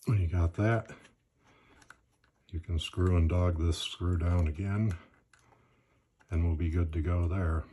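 A man with a very low, mellow voice presents a step-by-step demonstration. His delivery is measured and matter-of-fact, with a flat, steady intonation. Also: slight background noise. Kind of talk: instructional narration.

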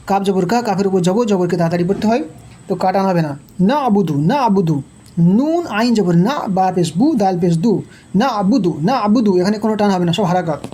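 Woman, Quran teacher, patient syllable drilling, mellow tone, slow chanting between explanations. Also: medium pitch. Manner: slow melodic chanted recitation. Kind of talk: spelled-out recitation lesson.

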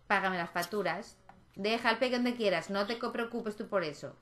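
A young woman chats her way through a life-simulation game, talking straight to her characters. Her voice sits at an ordinary middle pitch. A faint noise runs under the recording. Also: normal speed, a bit bright. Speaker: gaming channel host. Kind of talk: casual gameplay commentary.

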